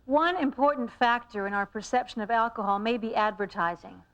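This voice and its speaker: Higher-voiced woman quiz co-host, scripted delivery, heard through a dull worn tape copy. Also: fairly quick, clear, resonant tone. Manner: reads quiz questions and options out evenly. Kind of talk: scripted TV presenting.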